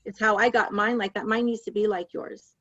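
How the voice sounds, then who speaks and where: A woman's voice: medium pitch, level tone, fairly quick, fairly bright tone, no room sound. A woman chatting casually as a workshop participant on a video call. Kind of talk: casual chat. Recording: dry, dull video call audio.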